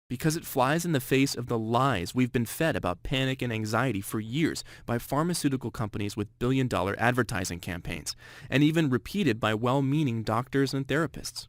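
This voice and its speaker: Man, thirties, earnest scripted storytelling, dramatic emphasis, mid-pitched, dead dry sound. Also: fairly bright tone, no echo. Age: 30s. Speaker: sales narrator. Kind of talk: scripted first-person sales pitch.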